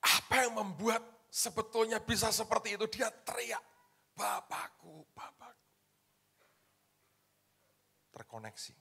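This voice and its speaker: A male pastor preaching a sermon in a colloquial, dramatic way, swinging between loud shouts and hushed asides and often addressing the congregation. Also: high-pitched, animated, moderate pace, creaky, few pauses, slightly rough.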